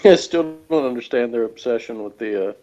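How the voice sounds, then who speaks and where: A man with a mid-pitched voice chats casually as a co-host or guest reviewer, his tentative sentences meandering along. His tone is animated, brisk and warm. The audio is dull and lo-fi, like an online call.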